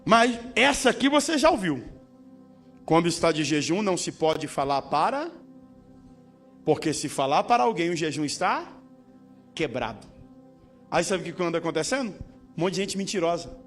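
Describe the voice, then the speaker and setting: A man's voice: a little high, very animated, moderate pace, pauses often, fairly bright tone, faint music behind. A male pastor preaching a sermon, joking and calling for responses from the congregation. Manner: humorous, with call-and-response to the congregation.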